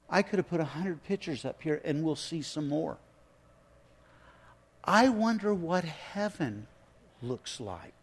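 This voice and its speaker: A man preaching a sermon in a slow, emphatic way, dropping his voice low for effect, with chatty asides and restarts. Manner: slow, emphatic delivery with dramatic drops in volume; conversational asides and repeated restarts. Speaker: pastor.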